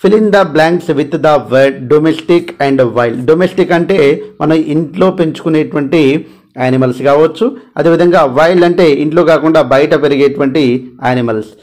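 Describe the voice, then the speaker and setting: A man with a Telugu accent and a fairly high voice runs an exam-prep grammar lesson. He explains in Telugu and reads the English examples slowly and deliberately. He repeats the key points again and again to stress them. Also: darkish tone. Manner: repeats words for stress, switches between Telugu and slow English. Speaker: English teacher.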